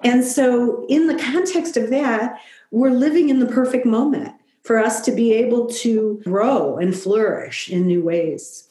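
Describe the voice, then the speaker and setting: A middle-aged woman giving a thoughtful, reflective interview answer, talking at an even pace with frequent "you know.". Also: fairly high pitch, unhurried, roomy sound. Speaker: guest. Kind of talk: conversational interview.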